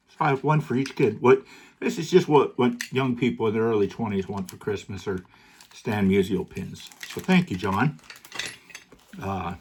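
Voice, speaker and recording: A middle-aged man vlogging about collectibles, relaxed and joking, sometimes talking while chewing candy. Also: medium pitch, slight background noise. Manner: relaxed, joking, rambling with fillers. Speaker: card collecting YouTuber. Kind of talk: casual vlog, showing gifts to camera.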